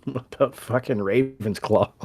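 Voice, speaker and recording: A man's voice: mid-range voice, moderate pace, a little mellow, slightly rough, no room sound. A man bantering casually as a player in a tabletop game.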